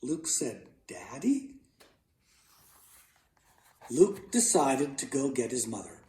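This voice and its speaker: A man reading a children's storybook aloud, slow and dramatic, with playful sound effects. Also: mid-range voice, big pitch swings, dark tone, roomy sound, slight background noise.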